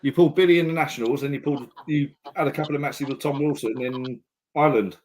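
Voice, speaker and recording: A man co-hosting a casual podcast, briskly reading out fixtures and giving his picks. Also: a little high, darkish tone, a little hiss or hum. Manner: brisk, reads out fixtures with "right, number ...". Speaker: podcast co-host reading out match list. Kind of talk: casual chat making match predictions.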